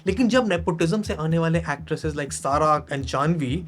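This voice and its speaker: A man's voice: a little high, measured pace, a little hiss or hum. A man narrating a video essay in a scripted, explanatory way. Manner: mixes Hindi and English, explanatory.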